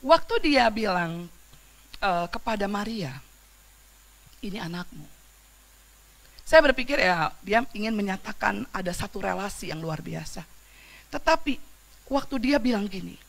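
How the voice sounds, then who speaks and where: This woman preaches to her church with a relaxed, spirited energy, shifting from loud outbursts to hushed storytelling while using slang and questioning the congregation. Her voice is medium in pitch and gravelly, and she speaks at a normal speed with long pauses.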